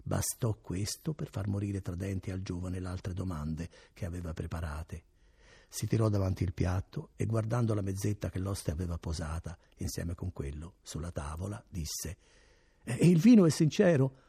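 Gravelly male audiobook narrator. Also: low voice. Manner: measured, expressive, gravelly. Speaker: audiobook reader.

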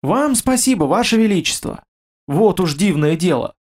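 Storybook figure: old peasant, trembling and servile, pleading in a raised voice, as a narrator puts him on. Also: male voice, expressive, normal speed, darkish tone. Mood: grateful. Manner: babbling, pleading, higher voice.

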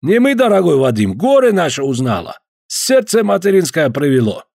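A high, swooping Georgian voice, all hearty warmth over a pushy edge, as a male narrator puts him on. The accent is thick and the delivery effusive, each phrase flung upward in this audiobook crime story. The voice stays dry and slightly husky. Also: sing-song, normal speed, no echo, full character voice. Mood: coaxing. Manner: effusive, calls everyone "dear". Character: Georgian man, pushy, smooth then threatening.

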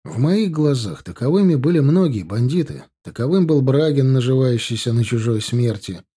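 A man narrating a first-person audiobook in a steady, measured, stern manner. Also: mid-range voice, slightly rough.

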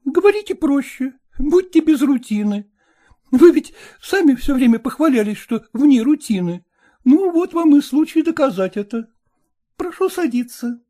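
A male storyteller voicing a lively, frank young woman who firmly sets her terms, in a brisk, coaxing, insistent manner. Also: very high voice, pitched above the performer's own voice.

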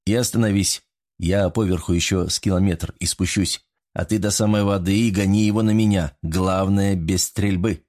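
A man's voice: low-pitched, steady tone, normal speed, a little mellow, natural voice. A man voicing a tough male army major who gives curt orders in a raised voice, in an audiobook. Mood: commanding.

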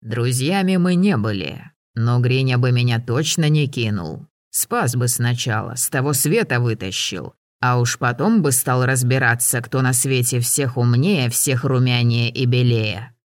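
A man voicing a gruff, sardonic old hunter who barks orders and teases. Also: medium pitch, unhurried, few pauses, no room sound, clean studio sound, natural voice. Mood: gruff mocking.

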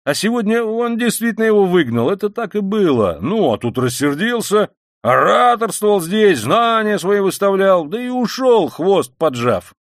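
A man reading an audiobook voices a drunk, excitable young man who shouts and blusters. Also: medium pitch, normal speed, hardly any pauses, dry recording, studio quality, lightly acted. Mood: boisterous.

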